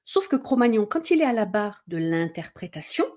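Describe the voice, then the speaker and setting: A woman's voice: medium pitch, sing-song, moderate pace, darkish tone. A middle-aged woman, a mindset coach, explains in a conversational teaching style, often checking in with "d'accord?" and acting out inner worries.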